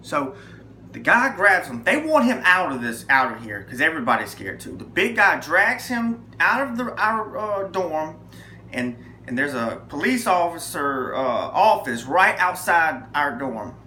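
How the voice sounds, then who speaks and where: Man, lively testimony storytelling, bright voice, echoey room. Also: on the high side, a little slow, slight background noise. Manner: emphatic, lively storytelling with acted quotes. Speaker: testimony speaker. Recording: echoey room with faint ambience.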